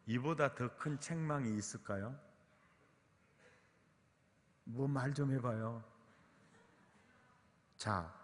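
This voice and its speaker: A male pastor preaching at a teachers' seminar, asking the audience questions again and again. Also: medium pitch. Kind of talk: sermon at a teachers' training seminar. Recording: long hall reverb.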